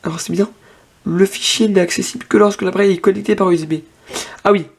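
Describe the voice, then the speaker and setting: High-voiced young man, chatty tech demo. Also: steady tone, fast, slightly rough. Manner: chatty, thinking aloud with many fillers and restarts. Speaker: tech vlogger. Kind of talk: casual hands-on device demo.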